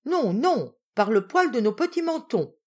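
A woman voicing scared little piglets in a storybook reading, high and loud. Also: big pitch swings, a little slow. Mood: frightened.

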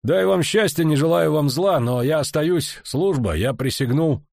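A man's voice: on the high side, lively intonation, moderate pace, gravelly, a little mellow, no room sound, clean studio sound, voice pushed up. A man reading an audiobook, voicing a weary, loyal male tracker who firmly refuses.

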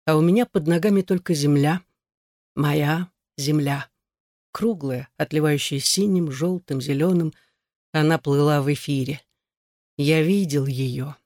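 A man's voice: fairly high pitch, a little slow, darkish tone, no echo, clean studio sound. Solemn male audiobook narrator. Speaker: audiobook reader. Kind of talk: scripted first-person literary narration.

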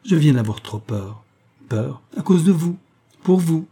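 A man's voice: medium pitch, normal speed, dark tone, breathy edge, natural voice. A man reading aloud, voicing a tender young actress who speaks earnestly and with emotion. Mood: emotional.

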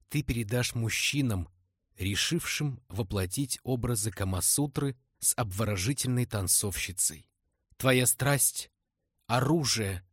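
A man voicing a dying old woman, a fierce former temple dancer, with a slow, solemn, prophetic delivery. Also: mid-range voice, no echo, clean studio sound.

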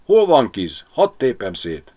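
A man's voice: mid-range voice, huge pitch swings, warm tone, dull audio, pitched above the performer's own voice. Man voicing a fierce eager farm dog.

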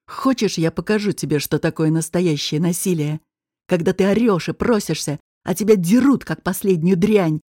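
A woman reading an audiobook voices a domineering, menacing man who talks in a low, slow, mocking, threatening way. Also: dark tone, no echo, clean studio sound, lightly acted.

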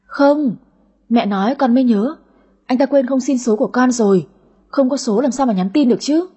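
A woman voicing a greedy, sulky daughter in her thirties with a high, whiny voice in an audio story. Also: normal speed, warm tone, husky, lo-fi sound. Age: 30s. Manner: whiny, cheeky.

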